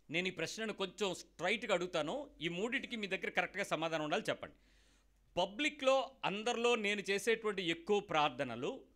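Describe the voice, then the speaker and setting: A man delivers a sermon in a bright voice pitched somewhat high. He keeps asking his listeners pointed questions. Now and then he acts out short exchanges between people. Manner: asks the congregation many direct questions. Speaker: preacher. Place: church hall with children present.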